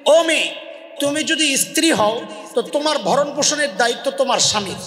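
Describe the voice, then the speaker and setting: High, bright-voiced shouting preacher. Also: male voice, animated, moderate pace. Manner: shouted, quizzes the crowd and makes them repeat answers. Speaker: Islamic preacher. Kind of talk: Bengali waz sermon with call-and-response. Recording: long echoey reverb of a big space.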